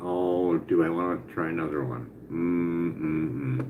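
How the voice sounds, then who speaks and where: A man with a low voice talks casually, circling back over his words and cursing freely. His articulation is softened by missing teeth. The room echoes, with faint noise underneath. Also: takes it slowly, narrow, tinny audio. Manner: rambling, repetitive, profane. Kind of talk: casual spoken brainstorming to an AI chat. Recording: roomy echo, faint background noise.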